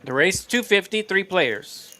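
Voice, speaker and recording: A man with a bright, punchy and somewhat high voice announces and comments on live poker. His talk is casual and colloquial, full of jokey banter. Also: expressive, measured pace.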